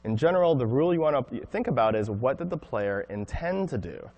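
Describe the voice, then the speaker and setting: A man presenting a conference talk on game design, explaining in an animated way and acting out what players think. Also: mid-range voice, a little fast, highs cut off. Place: conference hall.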